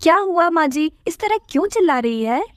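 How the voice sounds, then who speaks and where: A woman voicing a humble, gentle young wife bird in a cartoon, speaking politely and softly. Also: extremely high pitch, animated, fairly quick, dry recording. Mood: concerned. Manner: polite, soft-spoken.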